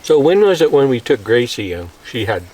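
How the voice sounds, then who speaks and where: A man chatting in a relaxed, matter-of-fact way with dry humor on a backpacking trip, recorded outdoors. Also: medium pitch, brisk, a little hiss or hum. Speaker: backpacker vlogger. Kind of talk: casual outdoor chat. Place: outdoors at a high mountain lake. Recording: distant outdoor camera mic.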